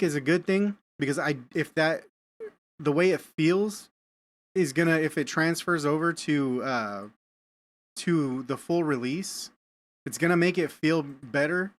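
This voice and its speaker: A man live-streaming a game, chatting casually with viewers and often repeating words as he thinks aloud. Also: a little high. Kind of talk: casual live-stream chat while gaming.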